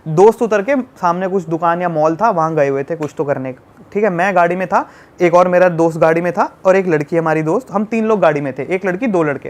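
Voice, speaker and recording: A young man from tells a story in a casual chat. His voice sits high for a man, and he talks in an animated, emphatic way, repeating words for effect. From Delhi. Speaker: podcast guest.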